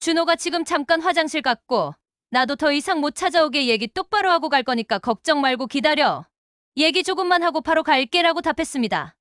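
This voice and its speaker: Woman w a high voice reading a family drama story, dry close mic, same steady voice for everyone. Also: a little fast, no room sound. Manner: reads all parts in one steady voice. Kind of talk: scripted story narration.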